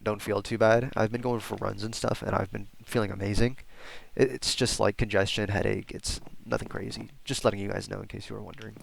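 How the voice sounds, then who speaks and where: A young gaming YouTuber with a cold talks casually over his Let's Play, his lowish voice creaky and congested. He rambles, using fillers and restarting sentences.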